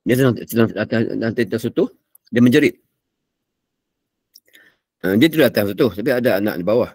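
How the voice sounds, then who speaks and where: A man's voice: medium pitch, lively intonation, fairly quick, a little mellow, no echo, studio quality. An older man with a Malaysian Malay accent giving a morning religious lecture in a chatty, digressive way, breaking into Arabic recitation and coughing often. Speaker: religious teacher.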